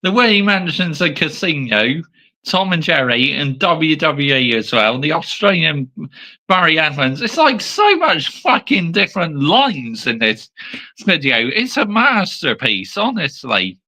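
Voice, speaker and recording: Bright-voiced host, blunt and casual. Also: male voice, on the high side, very animated, measured pace, low-quality recording. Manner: laid-back, blunt, swears casually. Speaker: channel host reacting to a clip. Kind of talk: casual reaction commentary.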